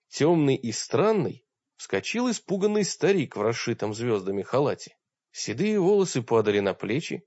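Male audiobook reader, steady storytelling, muffled and dry. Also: mid-range voice, dry recording. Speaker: audiobook narrator. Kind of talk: scripted narration. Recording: dull dry recording.

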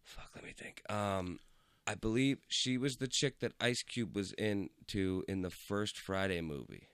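Young male podcast host, low-pitched, dry close sound, easygoing and profane. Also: unhurried, fairly bright tone, clean tone, dry recording. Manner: laid-back, swears freely, lots of "like" and "dude". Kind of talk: casual chat. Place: indoor room with cameras. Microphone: studio mic.

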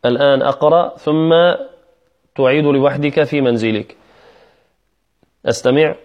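A fairly high-voiced man gives a patient recitation lesson, drawing words out slowly before explaining them. The recording is dull and lo-fi. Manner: patient, slow demonstrations of words, then explanation. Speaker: Quran recitation teacher.

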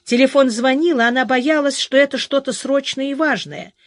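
A woman reads an audiobook in an even storytelling manner. Her voice is fairly high for a woman, and the recording is dry and close, with no room echo. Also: moderate pace. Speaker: audiobook narrator. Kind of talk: scripted narration.

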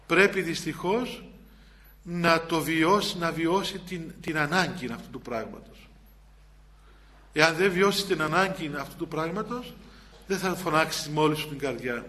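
High, bright-voiced male preacher. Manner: repeats phrases for emphasis, with frequent hesitations and restarts; chants psalm verses in an older liturgical register. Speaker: Orthodox priest. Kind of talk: spiritual sermon.

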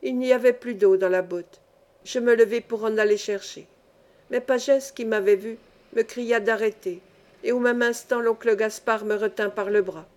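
A woman narrating a classic novel as an audiobook in a measured, even way. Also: on the high side. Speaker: audiobook reader.

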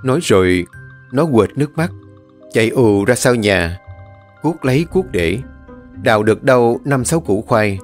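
A male narrator tells a folk-style story at a steady pace, his voice sitting at an ordinary middle pitch. Soft music plays faintly under his reading. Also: moderate pace, pauses often. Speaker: audiobook narrator.

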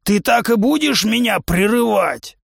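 A man's voice: fairly high pitch, unhurried, a bit bright, no echo, clean studio sound. Male reader playing a blustering beast-man drill instructor for an audiobook, raised voice, barking orders. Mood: bellowing. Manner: bellowing, blustering drill-sergeant delivery. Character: huge hot-tempered male musk-ox humanoid club trainer. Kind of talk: audiobook character voice.

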